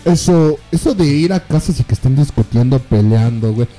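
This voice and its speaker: A man's voice: mid-range voice, lively intonation, a little fast, warm tone, soft background music. A young man with a Mexican accent, chatting casually as a podcast co-host, teasing his friend with crude slang and acting out voices in his stories. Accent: Mexican Spanish. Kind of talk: casual chat.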